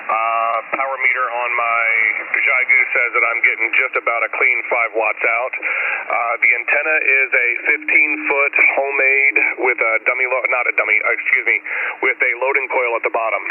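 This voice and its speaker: A man checking into an amateur radio net, heard as a crackly, fading shortwave signal. He talks in a steady, methodical, courteous way as he reads out his call sign. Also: mid-range voice, moderate pace, recorded from a distance, narrow, tinny audio. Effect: crackly, fading shortwave radio signal heard over the air. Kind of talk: on-air radio exchange reading out call signs. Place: his home radio station, operating on battery power. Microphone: transceiver hand microphone. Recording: crackly, faint, thin radio reception with heavy static.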